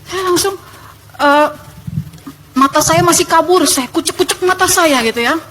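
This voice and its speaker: A young woman telling her testimony in church, animated and emphatic, addressing the congregation. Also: extremely high pitch, moderate pace, a little hiss or hum.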